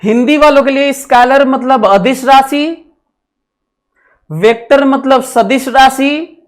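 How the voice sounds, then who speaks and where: Male physics teacher, lecturing slowly, repeats himself, quizzes and dictates to the class. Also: very high voice. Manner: repeats phrases, mixing English terms into Hindi; asks the class questions and dictates notes. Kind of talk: classroom lecture for exam students.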